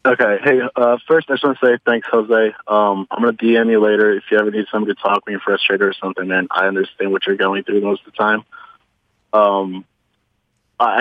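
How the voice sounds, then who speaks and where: A young man calls in to a radio show, his voice thin and boxed in by a tinny phone line. He speaks low and on a narrow, flat pitch, earnest and rambling as he restarts his thoughts. The line sounds dry, with no room around it. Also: no room sound. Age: 20s. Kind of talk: casual call-in comments.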